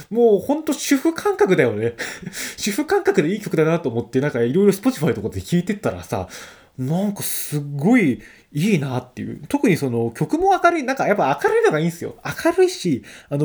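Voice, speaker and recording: A man's voice: high-pitched, wildly swooping pitch, fairly quick, a little mellow, husky. A man hosting his own radio-style podcast alone, chatting in a rambling, self-deprecating way with somewhat slurred articulation. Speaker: podcast host. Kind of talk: casual solo radio-style podcast talk.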